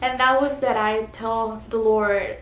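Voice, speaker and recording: A woman's voice: a little high, steady tone, a bit bright. Earnest Puerto Rican woman, echoey room. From Puerto Rico. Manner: earnest, halting with fillers and restarts. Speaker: vlogger. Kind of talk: personal testimony vlog. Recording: echoey room, faint background noise.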